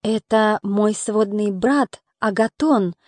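A woman reading the quiet, confiding lines of a young woman in an audiobook. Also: on the high side, steady tone, a little fast, dry recording, lightly acted.

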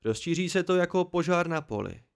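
A man's voice: high voice, lively intonation, vocal fry, clean tone, voice pushed up. A grim, brooding innkeeper, played by a man in an amateur audiobook reading. He presses his words hard and lectures firmly, his voice rising on the points he stresses. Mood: scornful.

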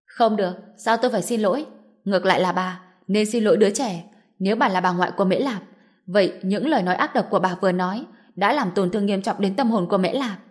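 A woman's voice: mid-range voice, quick pace, close to an everyday voice. Storybook nurse: a young woman, brave, firm and indignant, read by a female narrator.

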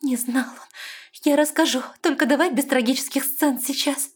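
A woman voicing a fierce, desperate young fairy woman who shouts her commands in a frantic voice. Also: high-pitched, fairly even intonation, normal speed, pitched above the performer's own voice, lightly acted. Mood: furious, desperate.

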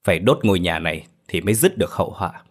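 A man's voice: sits low, animated, fast talker. A man voicing an old village exorcist who commands and chants spells in a storybook tale. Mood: stern. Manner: commanding, then chanting incantations.

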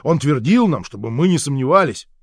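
A man's voice: on the high side, expressive, fairly quick, no room sound. Sardonic male audiobook narrator, dry. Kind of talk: scripted narration.

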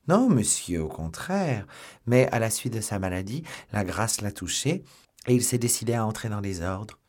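A man's voice: lowish voice, very animated, moderate pace, darkish tone. A man voicing a devoted, deferential male manservant who answers politely and evasively.

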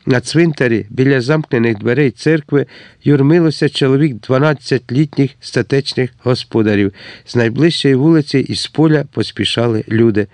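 A man's voice: mid-range voice, no echo. Man steadily narrating a novel. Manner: steady, measured storytelling. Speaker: audiobook narrator. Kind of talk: literary audiobook narration.

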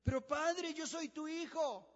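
A man's voice: extremely high pitch, measured pace, a bit bright, voice pushed up. A man voicing a desperate grown son who begs his father, in a pleading, raised, strained voice. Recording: dull, echoey hall recording.

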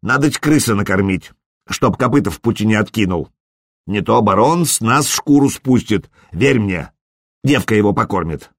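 A brash mercenary leader barks rough orders in a low, husky voice, as a man reads him out in an audiobook. It is close and dry. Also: expressive, normal speed, dry recording. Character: bossy male mercenary leader.

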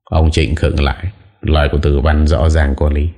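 Man, extremely deep voice, audiobook narrator, steady, dramatic. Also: normal speed. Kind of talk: scripted story narration.

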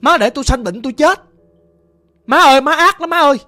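Narrator voicing a shrill wailing ghost daughter. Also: a little fast, bright, forceful tone, faint music behind. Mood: accusing. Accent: Southern Vietnamese. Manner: shrill accusing wail. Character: vengeful ghost daughter, young woman, wailing.

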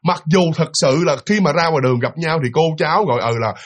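A man casually retelling a ghost story, animated and full of fillers and repeats, acting out the voices he quotes. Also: fairly high pitch, quick pace.

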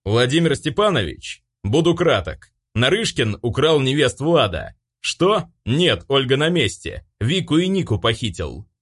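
Audiobook: man doing a booming old clan patriarch, commanding. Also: sing-song, a little slow, hardly any pauses, a bit bright, breathy edge, exaggerated voice. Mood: grim. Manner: booming, authoritative. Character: stern old aristocrat grandfather, clan head.

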